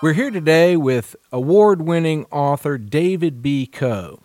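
Over background music, a man with a slightly high, animated voice speaks unhurriedly as host of a book podcast. This contributing editor reads scripted intro and news segments, then questions a guest.

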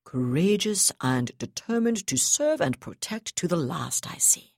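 A woman's voice: on the low side, dry recording, clean studio sound, full character voice. A woman voicing a cold, ruthless male commander. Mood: contemptuous. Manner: calm, contemptuous, measured.

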